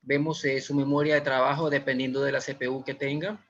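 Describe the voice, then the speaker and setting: A man's voice: mid-range voice, flat delivery, brisk, fairly bright tone. A young man from Ecuador with a Guayaquil accent, giving a live webinar lesson and explaining step by step with frequent "eh" fillers. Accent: Ecuadorian Spanish, Guayaquil. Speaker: automation instructor. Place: small room indoors. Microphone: webcam or laptop mic on video call. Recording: muffled video-call audio.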